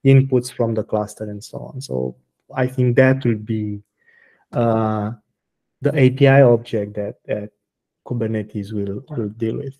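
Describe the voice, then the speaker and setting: A man interviewed as a guest about his software project, speaking hesitantly with frequent restarts, then answering bluntly. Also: mid-range voice, fairly even intonation, measured pace. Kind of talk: technical interview.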